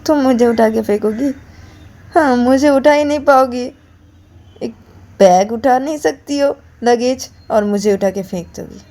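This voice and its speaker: A woman's voice: fairly high pitch, fairly even intonation, moderate pace, warm tone, natural voice. A woman voicing Ananya, a coaxing, teasing young woman, in a storybook romance.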